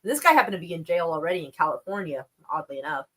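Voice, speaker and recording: A woman's voice: fairly low pitch, sing-song, racing, a bit bright. A woman chatting casually on a live stream about the news, rambling and wry, with plenty of swearing. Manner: profane, laid-back, wry.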